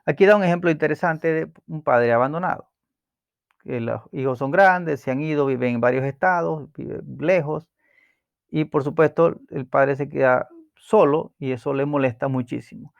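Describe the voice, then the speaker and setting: A man calmly explaining a self-help book chapter, pausing with fillers and restarting words as he goes. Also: on the high side, vocal fry, no room sound, highs cut off. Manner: calm, explanatory, with hesitations and repeated words.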